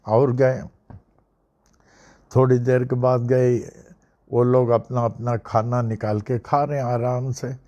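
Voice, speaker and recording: An older man giving a devotional discourse, telling a story slowly with repeated phrases and bits of English. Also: medium pitch, steady tone, a little mellow. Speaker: spiritual teacher.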